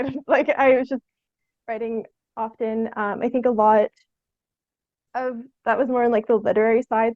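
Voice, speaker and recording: The young theatre artist has a fairly high-pitched voice as she talks casually in a podcast interview. "Like" fills her tentative, rambling sentences. The recording is thin and tinny, with no room sound.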